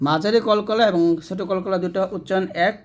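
Man teaching slow spelled-out recitation. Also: high voice, steady tone. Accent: Bangladeshi Bengali. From Bangladesh. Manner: slow, spells letters syllable by syllable, then chants verses. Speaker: Quran reading teacher.

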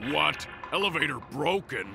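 A man's voice: fairly high pitch, expressive, moderate pace, gravelly, music in the background. A man voicing an earnest, put-upon dinosaur warrior in a cartoon, with a dramatic, grumbling delivery. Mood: exasperated. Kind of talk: animated cartoon voice acting.

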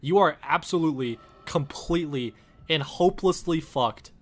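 Heavy background noise and game music accompany this parody dub, in which the series creator voices the player character with sarcastic, exasperated cursing. His voice is on the high side and moderately paced.

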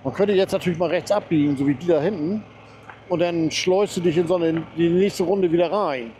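A man talks his way through a mountain ride on his motorbike, chatty and easily excited as he comments for his viewers. His voice is mellow and slightly raised, picked up by a helmet mic. A faint hum of engine and wind sits under his voice. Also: fairly high pitch, a little fast. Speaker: motorcycle vlogger. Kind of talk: casual running commentary while riding. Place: on a motorcycle outdoors on a mountain road.

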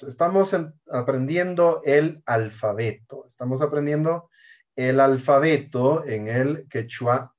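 A man giving a language lesson, slowly drilling words and syllables one by one. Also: medium pitch. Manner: slow, careful syllable-by-syllable pronunciation drills. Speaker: teacher. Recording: dull lo-fi recording.

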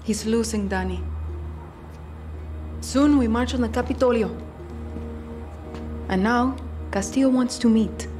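A woman playing a resolute, weary young guerrilla leader in a dramatic video game, speaking in a measured, earnest way. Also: a little high, darkish tone, faint music behind, lightly acted. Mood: grave.

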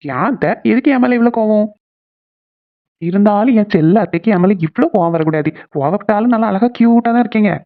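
An earnest young cartoon nephew who coaxes and pleads with his aunt. He talks fast at a middling pitch, and the sound is thin and tinny like a phone line. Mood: pleading. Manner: pleading, coaxing. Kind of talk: cartoon voice acting.

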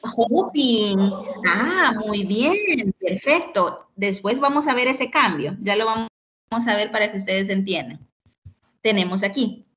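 Slow, patient woman teacher. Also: mid-range voice, lively intonation, a bit bright. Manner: slow, patient explaining with frequent "¿ok?" checks. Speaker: English teacher. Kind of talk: online English lesson taught in Spanish. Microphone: computer mic on a video call.

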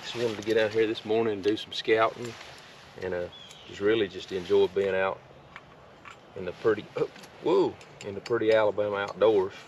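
Middle-aged man, folksy self-talk, low voice, distant camera mic, outdoor noise. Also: steady tone, moderate pace. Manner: folksy, muttering to himself, talking to the camera. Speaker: outdoors vlogger. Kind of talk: casual solo narration while camping. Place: forest clearing outdoors. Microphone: camera set on the ground some distance away.

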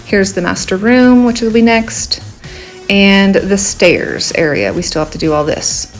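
A woman in her thirties narrating her home renovation vlog casually, chatty and blunt, often pausing with "um". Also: mid-range voice, animated, soft background music. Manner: chatty, blunt, with frequent "um" fillers.

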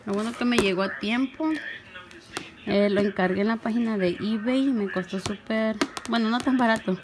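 Hoarse female home vlogger, chatty and affectionate, phone-recorded with background noise. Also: fairly high pitch, fairly even intonation, moderate pace. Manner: chatty, affectionate, coaxing with her child. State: slightly hoarse. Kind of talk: casual home vlog.

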